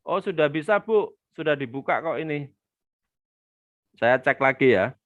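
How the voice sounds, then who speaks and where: A man with a slightly high, animated voice speaks at a measured pace, recorded dry with phone-quality sound. He's a business trainer teaching online marketing on a live webinar, chatting with viewers and reading their comments aloud as shout-outs.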